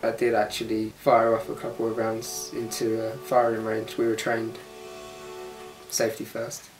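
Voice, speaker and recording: Ein Darsteller erzählt trocken und tonlos von seiner Rolle. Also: male voice, lowish voice, completely flat delivery, moderate pace, music in the background. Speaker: cast member. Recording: distant mic in echoey room.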